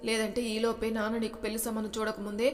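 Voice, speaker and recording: A woman's voice: fairly high pitch, monotone, quick pace, long reverb tail, natural voice. A woman voicing a playful younger brother who teases his older brother. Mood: teasing.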